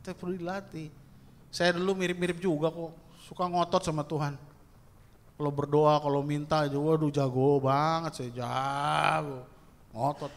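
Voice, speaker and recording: A man delivers a sermon to his congregation, lively and playful, acting out short prayers and jokes. His voice sits a bit high. The sound carries a long reverb from the church hall. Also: moderate pace. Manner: lively, playful preaching with acted-out prayers and asides. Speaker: pastor.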